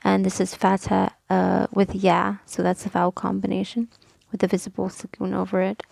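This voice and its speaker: A woman explains reading rules in a patient, methodical lesson, pausing with ums and fixing her own slips. Her voice is mellow and a bit gravelly, with little rise and fall. The sound is dry and close, with no room around it. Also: mid-range voice, completely flat delivery, dry recording. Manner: patient, methodical, with frequent ums and self-corrections. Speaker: Quran reading teacher. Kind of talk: casual recorded lesson, explaining rules step by step.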